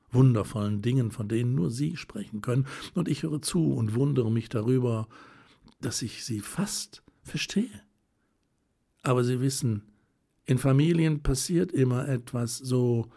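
A man voicing a shy, tender young woman who is quick to tears, speaking softly and often in a whisper with a hesitant, wistful manner. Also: mid-range voice, creaky.

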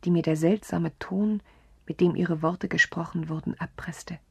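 A woman narrating a story in a soft, breathy whisper, calm and measured, close to the mic. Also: lowish voice, no echo.

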